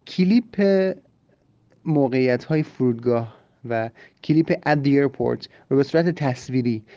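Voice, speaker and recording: Man, language teacher, podcast lesson, explanatory, slow repetition drills, warm mellow voice, dry slightly muffled recording. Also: mid-range voice, no echo. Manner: explanatory, repeats phrases slowly for drilling. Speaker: English teacher and podcast host.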